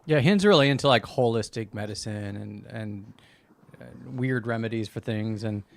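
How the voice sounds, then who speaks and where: A man from the United States, co-hosting a casual podcast with a relaxed manner. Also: fairly low pitch, moderate pace, vocal fry, slight background noise. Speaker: podcast co-host. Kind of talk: casual chat.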